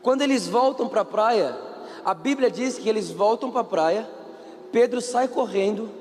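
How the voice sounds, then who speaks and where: Brazilian male preacher, high voice, animated delivery, reverberant hall with faint noise. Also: a little slow. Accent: Brazilian Portuguese. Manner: animated, acts out quoted characters, asks the audience questions. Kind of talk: sermon.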